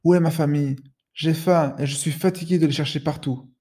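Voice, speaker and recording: A man's voice: a little high, steady tone, brisk, dark tone, slightly rough, pitched above the performer's own voice. A man voicing a small, lost young parrot who talks in a childlike, whiny way. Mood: plaintive.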